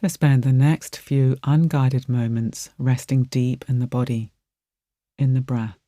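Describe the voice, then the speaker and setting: Guiding a meditation, a speaker uses a warm, mellow, mid-range voice that is fairly even and a little slow. Soft phrases are delivered gently and given space, and the recording is dry and close, free of echo.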